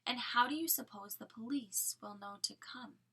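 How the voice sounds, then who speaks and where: Lady doing a sneery storybook bad guy, slow breathy menace, bright husky edge. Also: fairly high pitch, exaggerated voice. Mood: sneering. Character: sneering scheming male villain, adult.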